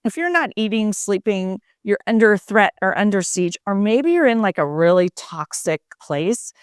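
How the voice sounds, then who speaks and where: A woman's voice: mid-range voice, expressive, normal speed, clean tone, no room sound, studio quality. A woman physician and mindfulness coach, a podcast guest, explaining her ideas in a reflective, conversational way with many fillers. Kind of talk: conversational interview.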